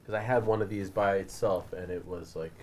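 Fast-talking man in his thirties, chatty. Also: low-pitched, steady tone, darkish tone, slight background noise. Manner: quick, chatty, teasing and full of praise. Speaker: guest journalist. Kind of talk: casual chat. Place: studio set with shelves of collectibles. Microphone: lapel mic.

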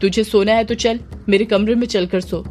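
A woman's voice: mid-range voice, fairly even intonation, normal speed, darkish tone, slight background noise, close to an everyday voice. A woman playing a jealous, snappish young woman. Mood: irritated. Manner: snappish, bossy.

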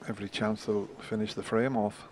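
A man giving hushed, measured snooker commentary in a low-key manner. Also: little pitch movement. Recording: crowd and hall noise behind voice. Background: snooker arena crowd ambience.

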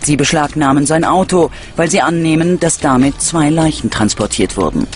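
A man with a slightly high voice reads scripted true-crime documentary narration at a normal speed, with background music playing beneath his voice.

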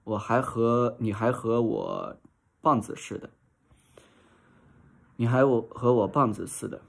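A man's voice: medium pitch, huge pitch swings, slow, gravelly, full character voice. A man voicing a greedy, muddled old female servant in a storybook reading, speaking in a stubborn, scolding way.

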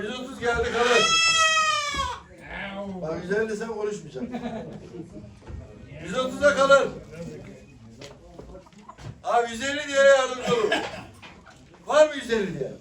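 A man's voice: extremely high pitch, very noisy. A man working as an auctioneer, calling and repeating prices insistently to coax bidders. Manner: insistent, repetitive, coaxing the bidders. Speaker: auctioneer at a live poultry auction. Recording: echoey hall, distant mic, crowd and birds. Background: crowd chatter, roosters crowing.

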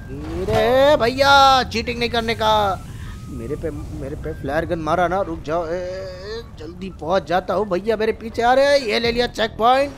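A high-voiced man hosts a gaming channel, offering playful gameplay commentary with character voices. He's excitable and teasing, full of exclamations.

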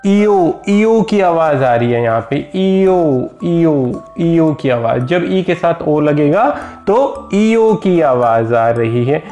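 A man's voice: fairly high pitch, mellow, roomy sound. An Indian man teaching children English vowel sounds, patiently repeating words and asking simple questions.

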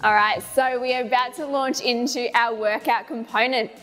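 This young fitness instructor's voice is fairly high and a bit bright, with fairly even intonation and a moderate pace. She encourages her audience through a guided home workout, calling out cues and counts while showing the moves. Background music plays in a long, reverberant space.

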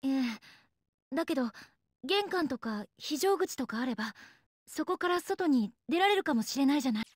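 A woman's voice: sits high, animated, normal speed, no room sound, studio quality. A woman playing an anxious, earnest teenage schoolgirl steeling herself in a Japanese horror game, with a youthful, tense delivery. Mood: resolute. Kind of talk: Japanese horror game voice acting, dialogue and inner monologue.

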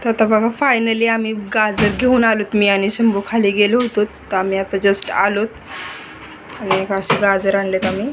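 A young woman vlogger talks casually to the camera while caring for her children at home. Her voice sits in the mid range, with a level tone and a normal pace. The home recording is noisy.

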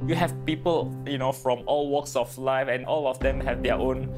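A man from Malaysia in his thirties, a triathlete talking in a documentary interview, relaxed and a bit hesitant, with easy laughs. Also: mid-range voice, moderate pace. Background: music.

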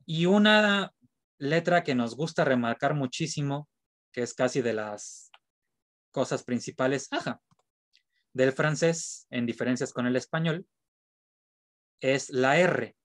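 A man teaching an online class through his computer mic. He explains patiently, sounding out letters slowly and repeating each one. His mid-range voice comes through close and dry, with no room echo. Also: mid-range voice, lively intonation. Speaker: French teacher.

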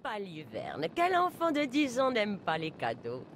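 A doting old lady in a video game who keeps rambling on. Her voice swings widely in pitch, with a faint hum of noise behind her. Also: wildly swooping pitch, measured pace, low-quality recording. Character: rambling, kindly old woman. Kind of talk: French video game dub.

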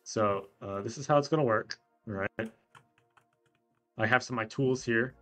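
A man improvising as a doctor in a game role-play, talking in a halting, conversational way. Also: mid-range voice, fairly bright tone, soft background music. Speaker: player acting as a clone-making doctor.

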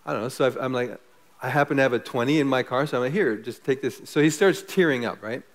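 A man's voice: medium pitch, fast. Man preaching a church sermon. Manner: preaching with rising emphasis, then quiet prayer. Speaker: pastor.

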